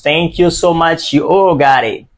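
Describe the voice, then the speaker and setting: Slow, high-voiced male language teacher. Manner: slow, drawn-out repetition drills with emphatic stress. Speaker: English teacher. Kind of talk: classroom-style language lesson.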